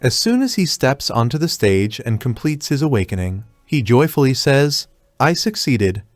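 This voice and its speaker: A man narrating a scripted story recap in an even, steady way. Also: mid-range voice, moderate pace, no echo.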